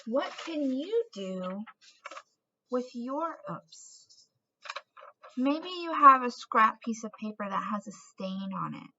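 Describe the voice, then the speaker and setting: An art teacher gives a craft lesson for children, encouraging them and asking questions of her young viewers. Her voice is fairly high with a sharp tone. The sound is lo-fi, with slight background noise.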